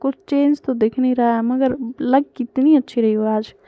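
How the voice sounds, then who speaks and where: A woman's voice: high-pitched, fairly even intonation, normal speed, no echo, close to an everyday voice. A woman voicing a fond middle-aged mother who dotes on and praises her daughter. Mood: doting. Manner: affectionate and doting. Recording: dull lo-fi sound.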